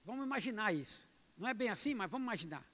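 High-voiced preacher in a reverberant hall. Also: male voice, animated, very fast. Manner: emphatic, swinging between loud exhortation and quiet asides. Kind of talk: sermon.

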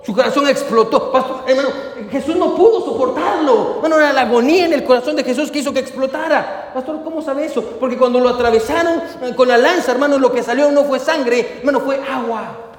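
A man's voice: extremely high pitch, fairly quick. A man preaching a sermon as pastor, with bursts of emphasis, again and again calling out to his listeners as brothers. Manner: preaching with bursts of emphasis, repeatedly addressing "hermano". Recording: echoey hall, long reverb.

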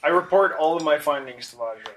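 A man's voice: on the high side, fast, a bit bright, lightly acted. A man voicing an earnest male Khajiit cat-folk adventurer who speaks of himself in the third person. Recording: distant mic, faint noise.

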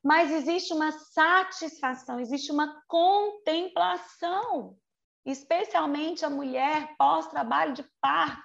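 In a muffled recording, a preacher in her 40s with a Brazilian Portuguese accent gives a conversational sermon. Her high voice is gravelly yet a bit bright. She emphasizes key words by stretching them, tosses in quick chatty asides, and checks in with her listeners using rhetorical questions.

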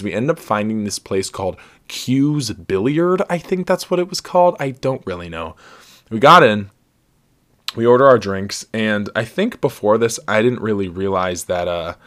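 Lively young man with a lowish voice. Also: moderate pace. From Ohio, USA. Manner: lively, laughs often, heavy use of "like". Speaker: podcast host. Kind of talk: casual storytelling.

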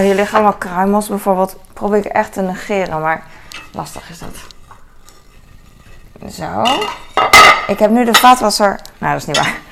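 A woman chatting casually in a rambling way while she tidies her kitchen. She fills her talk with pauses and restarts and drops in English phrases. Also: mid-range voice, vocal fry, very noisy. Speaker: vlogger. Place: home kitchen. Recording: kitchen clatter of dishes and cutlery.

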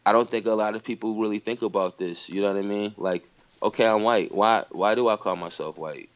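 Speaking a little fast in a lowish voice, a man from Michigan, USA, muses through a casual conversation. The sound is lo-fi, and fillers such as "you know" and "like" crop up constantly.

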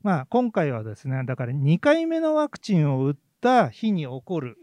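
A man with a fairly high but mellow voice, chatting casually about plays he has seen. He talks in a relaxed, hesitant way, full of fillers and soft laughter. The sound is dry and close. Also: moderate pace, dry recording. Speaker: podcast co-host, theatre reviewer.

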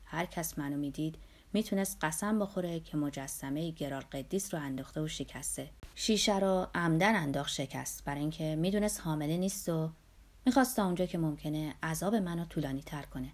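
A woman's voice: deep voice, a little mellow. A woman reading an anxious male trumpeter. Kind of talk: audiobook reading.

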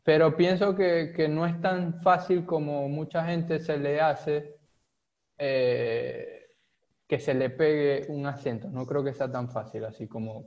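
A man's voice: mid-range voice, darkish tone, lo-fi sound. A man from Venezuela with a Maracaibo accent, speaking as a guest in a casual chat and thinking aloud through frequent restarts. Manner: thoughtful, halting, many restarts and fillers. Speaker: podcast guest.

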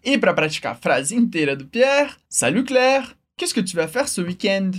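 A woman with a Brazilian Portuguese accent teaching French, upbeat and encouraging, slowing words down for the listener to repeat. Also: medium pitch, very animated. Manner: upbeat, encouraging, says words slowly for repetition. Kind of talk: language lesson.

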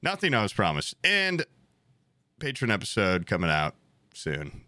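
A man's voice: lowish voice, wildly swooping pitch, measured pace, bright, forceful tone, dry recording, studio quality. A man co-hosting a podcast, chatting casually in a loose, rambling, profane way. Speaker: podcast co-host.

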